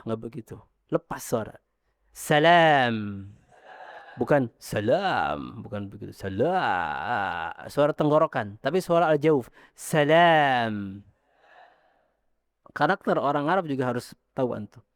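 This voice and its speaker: A man teaching Arabic pronunciation, modeling syllables slowly for his students to repeat, then correcting and praising them patiently. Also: medium pitch, animated, no room sound, clean studio sound. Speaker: Islamic teacher.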